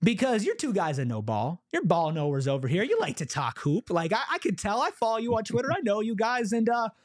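A young man hosting a casual sports podcast, animated and joking as he tosses questions to his guests. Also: high voice, brisk, no echo, clean studio sound. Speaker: podcast host. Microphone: podcast microphone on a boom.

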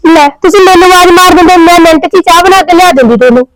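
A woman's voice: extremely high pitch, fast talker, poor audio. A woman playing a sulky young daughter-in-law who pleads and complains in a family skit. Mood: pleading. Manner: whiny, pleading. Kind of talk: scripted domestic skit acting.

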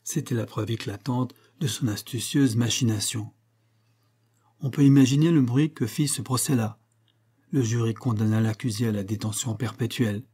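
A man narrating a detective story as an audiobook reader, measured and even. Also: medium pitch, slightly rough.

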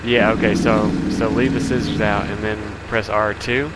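A man chatting casually with his gaming partner during play, excitable and prone to exclamations. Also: on the low side, moderate pace. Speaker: fellow player. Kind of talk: casual gameplay chat. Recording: loud noisy mic.

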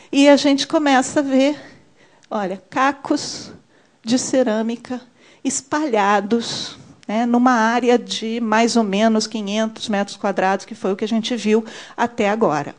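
A woman, giving a measured conference talk on a handheld microphone, with many fillers as she points at her slides. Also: a little high. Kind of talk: conference presentation. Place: conference room. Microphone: handheld mic.

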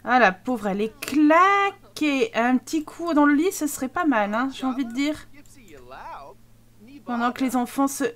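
High-voiced chatty French woman gamer. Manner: chatty, expressive, quick exclamations. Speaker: gaming channel host. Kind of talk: let's play commentary.

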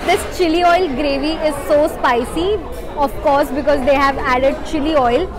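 A woman's voice: high-pitched, fairly even intonation, normal speed, music in the background, a crowd in the background. A young woman in her twenties with an Indian English accent, reviewing restaurant food in an enthusiastic vlog and mixing Hindi into her English, recorded on a lapel mic. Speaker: food vlogger. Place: restaurant indoors, then outdoor garden.

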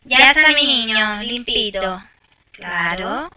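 A woman chats through gameplay in a very bright, slightly high voice, tossing exasperated asides to her viewers. She sounds set back from the microphone. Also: lively intonation, slow pace, far from the mic. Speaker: gameplay streamer. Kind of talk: casual gameplay commentary.

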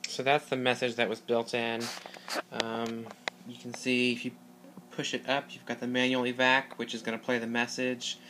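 A man hosting a casual hobby video, explaining equipment in an informal, halting way, recorded on a handheld device indoors. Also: medium pitch, flat delivery, very noisy. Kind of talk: casual product demonstration vlog. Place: small carpeted room indoors. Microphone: handheld phone or camera mic.

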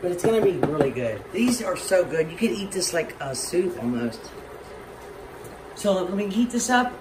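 A woman's voice: lowish voice, very animated, moderate pace. Chatty Southern woman cooking at home. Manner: chatty, rambling, self-deprecating. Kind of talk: casual cooking demonstration. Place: home kitchen, overhead camera on the stove. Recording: noisy kitchen with a loud fan.

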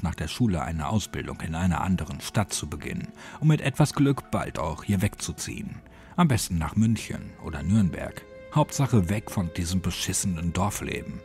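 A man with a low, slightly mellow voice gives a dramatic audiobook reading of a horror story, with music playing behind him.

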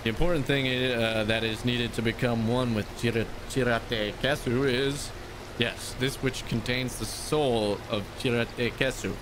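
A man plays a solemn, menacing cult devotee in a horror game. He preaches in a halting way at a middling pitch, over clear background noise. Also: steady tone, natural voice. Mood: solemn preaching. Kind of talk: video game dialogue read aloud.

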